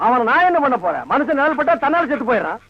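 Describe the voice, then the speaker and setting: A sharp-tongued village grouch. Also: male voice, very high-pitched, sing-song, rapid-fire, very noisy. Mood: scolding. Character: sharp-tongued insulting middle-aged village man. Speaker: grumpy householder in a comedy film. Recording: dull lo-fi film soundtrack.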